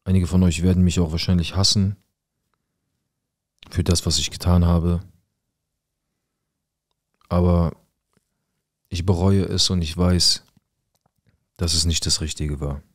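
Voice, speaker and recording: A man's voice: deep voice, dry recording, studio quality. A man narrating a viewer's life story in the first person, in a casual, colloquial way that speaks straight to his viewers.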